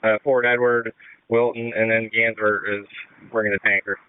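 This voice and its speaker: A man's voice: on the low side, level tone, moderate pace, smooth, no room sound. A man directing crews as a fireground officer in terse, procedural firefighter radio talk over a two-way radio. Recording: muffled narrow-band two-way radio.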